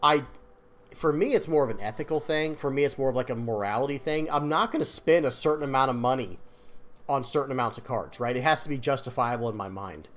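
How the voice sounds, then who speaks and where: A man in an easygoing, unscripted commentary, voice sitting at an ordinary middle pitch. He talks in a loose, rambling way, stumbling over repeated words and circling back to rephrase. His tone is earnest and a little apologetic, like he's making a heartfelt case to his viewers. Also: quick pace, a bit bright. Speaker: card game content creator. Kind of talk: casual opinion commentary.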